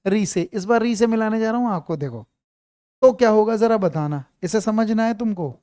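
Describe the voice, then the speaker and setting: A man's voice: high-pitched, expressive, moderate pace, mellow, dry recording, clean studio sound. A man teaching an online grammar class, quizzing his students and repeating his questions.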